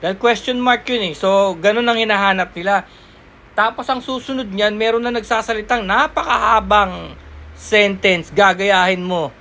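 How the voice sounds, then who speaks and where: High-voiced man, chatty coach. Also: moderate pace, bright, forceful tone. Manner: chatty, explains through everyday examples, frequent tag questions. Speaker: job-application coach. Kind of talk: casual explainer talk.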